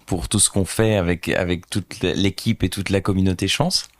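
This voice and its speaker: A man's voice: deep voice, fairly even intonation, moderate pace, no echo, studio quality. A man in his thirties from northern France, a company founder telling his story earnestly and thoughtfully as a podcast guest. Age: 30s. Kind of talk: casual interview chat.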